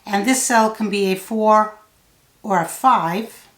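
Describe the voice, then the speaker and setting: A woman tutor thinks out loud as she works through a solve-along lesson. Her delivery is slow and methodical, with a medium-pitched voice. The recording has a noticeably roomy echo. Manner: thinking out loud step by step, measured. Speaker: puzzle tutor. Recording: roomy, echoey sound.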